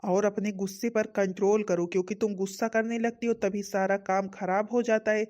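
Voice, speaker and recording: An actor voicing a young cartoon husband who calmly soothes and instructs his wife. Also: mid-range voice, normal speed, lightly acted. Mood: coaxing. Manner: soothing, lecturing. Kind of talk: cartoon story voice acting.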